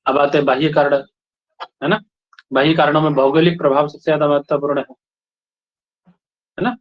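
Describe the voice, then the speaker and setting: A man from India lecturing a class in a fairly high voice, stopping every few phrases to check that the students follow him. The recording is dull and lo-fi. He speaks in a steady teaching manner. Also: brisk. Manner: keeps checking in with the class with short tag questions.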